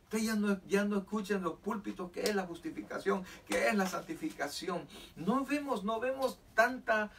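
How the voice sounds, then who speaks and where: A man's voice: high-pitched, moderate pace, vocal fry, few pauses. A man preaching a sermon as pastor of a church, fervent with emphatic rises. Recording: distant mic with faint noise.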